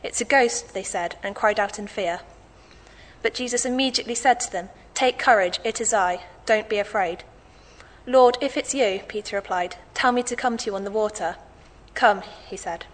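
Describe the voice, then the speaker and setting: A woman's voice: mid-range voice, normal speed. A woman reading a Bible passage aloud as a church reader. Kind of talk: scripture reading.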